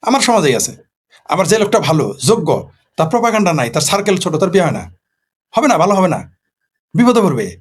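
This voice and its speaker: A man's voice: high voice, very animated, quick pace, long pauses, breathy edge. A man from Bangladesh, a political commentator in a casual late-night monologue who poses rhetorical questions and answers them himself.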